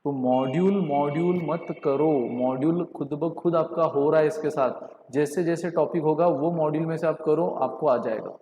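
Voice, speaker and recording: A man with an Indian accent giving a live online lecture, switching between Hindi and English, reading statements out slowly and calling on students by name. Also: fairly high pitch, warm tone, roomy sound, long reverb tail, a little hiss or hum. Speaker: online teacher.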